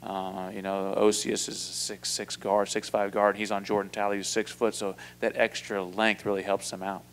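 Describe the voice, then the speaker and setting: Answering postgame questions at the podium, a male head basketball coach talks flatly into a table mic in an indoor press room with slight background noise. His voice runs lowish, and his measured replies are full of fillers and restarts.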